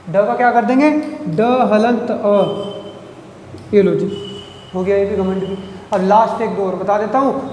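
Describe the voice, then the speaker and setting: A man with a very high, slightly mellow voice teaches grammar, drawing out and repeating syllables while quizzing his listeners. A long, hollow room reverb rings around him, with faint hiss underneath.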